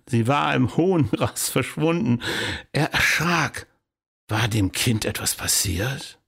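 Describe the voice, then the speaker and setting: Man, storybook narrator, calm, measured, gravelly voice. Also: mid-range voice. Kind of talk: storybook reading.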